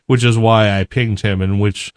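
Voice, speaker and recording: A man co-hosting a podcast in easygoing chat. His voice sits a little low, and he keeps restarting with fillers. The sound is close and dry. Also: fairly even intonation, moderate pace, no echo. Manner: chatty, many fillers and restarts. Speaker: podcast co-host. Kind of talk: casual chat.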